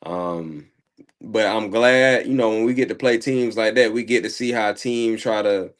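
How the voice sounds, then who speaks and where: A man co-hosting a sports show, casually recapping a football game in a rambling, slangy way, his throat slightly hoarse. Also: lowish voice, measured pace. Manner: rambling, slangy, repeats words and fillers.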